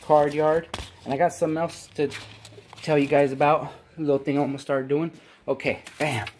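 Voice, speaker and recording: A man's voice: fairly high pitch, little pitch movement, normal speed, darkish tone, slight background noise. A man in his forties casually reviewing toy cars as host of his collector channel, enthusiastic and throwing in playful beep-boop noises. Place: his basement collection room.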